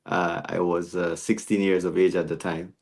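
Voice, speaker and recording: With a low, gravelly, darkish voice that barely moves in pitch, a man from Guyana in his forties talks at normal speed during a casual podcast interview. His reflections come with frequent restarts and filler words.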